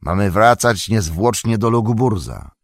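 Man doing a scheming sneering orc, mocking, less coarse, swooping pitch, dry close sound. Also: expressive, a little slow, no echo. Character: sly, vicious male orc, scheming and sneering. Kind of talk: audiobook character voice.

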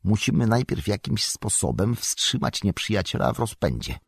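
A man's voice: on the low side, big pitch swings, moderate pace, gravelly, husky, no room sound, clean studio sound, exaggerated voice. A man voicing a bold warrior who gives urgent orders in an audiobook reading. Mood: tense.

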